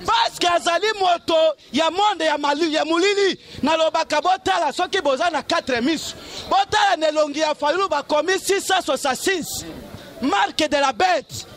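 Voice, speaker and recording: Outdoors on a street among onlookers, a middle-aged political activist with a Congolese accent gives an impassioned street speech into a handheld microphone. He is declamatory and emphatic, often shouting, in a very high voice at a moderate pace. A faint crowd can be heard.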